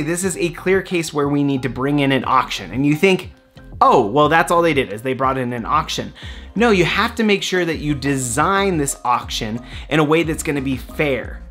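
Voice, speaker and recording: Man in his 30s, economics explainer, casual and conversational, slightly high-pitched, faint music under the voice. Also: a bit bright. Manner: conversational, explains step by step with hand gestures. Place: small home office with bookshelves.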